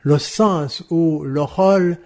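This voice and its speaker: A man explaining French rhythm and stress to teachers in a slow, measured, didactic way, answering interview questions. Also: fairly high pitch, warm tone. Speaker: language teaching expert.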